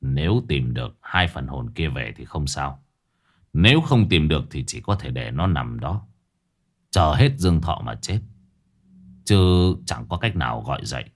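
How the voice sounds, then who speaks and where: A man voicing a stern, gruff old male exorcist who speaks low, grave and curt. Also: big pitch swings, a little slow, full character voice.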